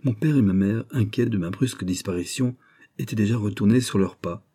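A man reading a literary story aloud in a measured, expressive way. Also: lowish voice, breathy edge. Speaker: audiobook narrator.

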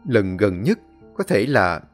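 A male storyteller narrating a dramatic tale in an expressive, animated way. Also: fairly low pitch, slow pace. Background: faint music.

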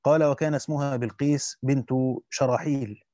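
A man's voice: mid-range voice, fairly even intonation, fairly quick, mellow, no room sound. A man reading a classical commentary aloud to students and adding brief spoken asides. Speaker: teacher reading a Quran commentary. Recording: dry dull lo-fi recording.

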